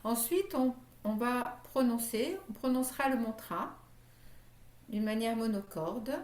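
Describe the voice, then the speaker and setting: A woman leading a guided yoga meditation class, talking gently and checking in often with her students. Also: fairly high pitch, expressive, a little slow. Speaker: yoga teacher. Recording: echoey room.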